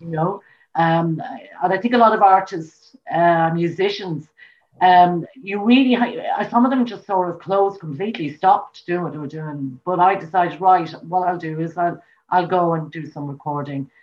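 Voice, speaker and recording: An Irish musician guest chats casually in an interview over a remote call, rambling with plenty of repeats and fillers. Her voice is on the low side at a moderate pace, and the audio sounds dull.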